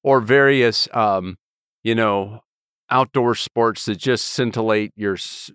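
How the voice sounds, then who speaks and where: Rambling man with a smooth voice. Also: on the low side, steady tone, a bit bright, no echo, studio quality. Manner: rambling, halting with many fillers and restarts. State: voice lower than usual from a cold. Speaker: podcast co-host. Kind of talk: casual chat.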